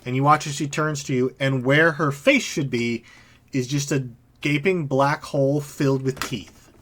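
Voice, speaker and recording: A man's voice: mid-range voice, steady tone, a bit bright. Man narrating a tabletop game. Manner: descriptive, halting, with fillers. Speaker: game master.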